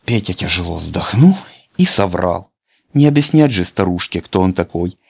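A man reading a children's fairy tale aloud, in an expressive, animated manner. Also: low-pitched, moderate pace, gravelly, slightly rough. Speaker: narrator.

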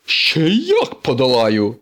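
A man voicing a cheerful, boastful male tow truck in a read-aloud storybook, shouting with excitement. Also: mid-range voice, measured pace, voice pushed up. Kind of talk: storybook reading.

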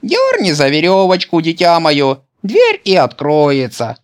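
A man's voice: a little high, wildly swooping pitch, measured pace, voice pushed up. A man voicing a prim, fussy old grandmother who corrects others' manners, in a children's storybook reading. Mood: sweet.

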